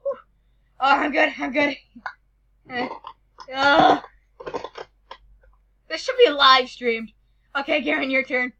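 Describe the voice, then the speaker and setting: High bright woman reading jokes. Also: expressive, slow, gravelly, long pauses, muffled recording. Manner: reads jokes aloud, stumbling and restarting. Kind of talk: casual joke-reading challenge.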